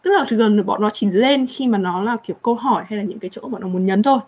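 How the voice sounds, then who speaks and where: A young woman hosting a casual live chat, answering viewer questions in a chatty, animated way. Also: mid-range voice, quick pace, slightly rough. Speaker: livestream host.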